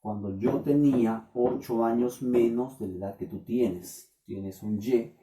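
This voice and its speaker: A man's voice: mid-range voice, unhurried, warm tone. Peruvian man teaching math in an echoey classroom. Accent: Peruvian Spanish. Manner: questioning, keeps checking with students. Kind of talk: classroom lecture. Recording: echoey room, voice from a distance.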